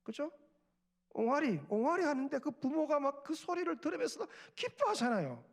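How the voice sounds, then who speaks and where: A middle-aged male pastor preaching a sermon at a Friday prayer meeting, earnest, moving between hushed murmurs and raised exhortation. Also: very high-pitched, very animated, fairly quick, gravelly.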